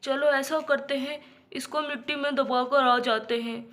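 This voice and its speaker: A steady, practical young man talks things through slowly, as a woman puts him on. The voice is dropped lower than her own but stays fairly high and bright. He speaks matter-of-factly in a homemade doll storybook video. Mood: serious.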